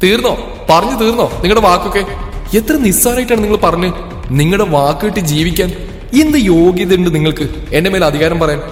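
A man's voice: high voice, brisk, faint music behind, pitched above the performer's own voice, lightly acted. Brief: man putting on a raised, lighter voice for a fierce young woman, storybook reading, echoey room. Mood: furious. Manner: shouting, angry, then teasing. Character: defiant young woman, fierce and sharp-tongued. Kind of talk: storybook character voice.

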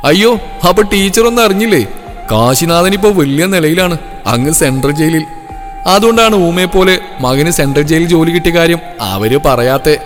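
Brief: scornful heckling villagers, voiced by a man, high, loud, echoey with faint music. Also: expressive, fairly quick, natural voice. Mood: jeering. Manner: jeering, scornful. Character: middle-aged village men jeering at a mother. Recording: reverberant audio with soft music.

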